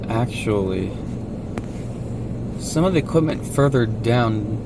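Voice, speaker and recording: A man's voice: mid-range voice, animated, takes it slowly. A man giving casual running commentary as a vlogger from inside a car. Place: in a car at a car wash. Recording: loud car and outdoor noise.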